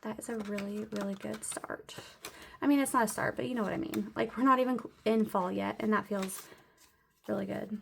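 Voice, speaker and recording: A woman's voice: medium pitch, steady tone, a little fast, creaky, slight background noise. A young woman vlogging her weekly cash budget, chatty and a little breathless as she counts bills aloud and laughs often. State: slightly out of breath. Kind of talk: casual budget vlog narration.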